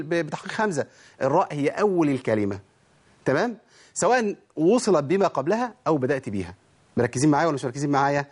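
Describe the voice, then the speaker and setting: A man with an Egyptian Arabic accent teaching tajweed rules, quizzing his listeners and answering his own questions. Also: on the high side. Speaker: Quran recitation teacher. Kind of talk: tajweed lesson.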